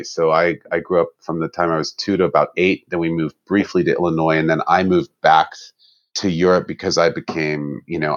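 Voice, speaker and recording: In a low voice on a muffled recording, a middle-aged orchestra musician from Germany gives a relaxed interview, frequently laughing and starting sentences over.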